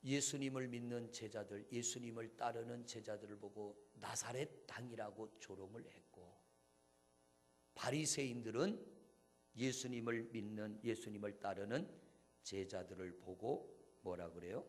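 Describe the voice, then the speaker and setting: A male pastor preaching a sermon in a church, swinging between hushed near-whispers and loud, emphatic exclamations. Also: fairly low pitch, measured pace, slightly rough.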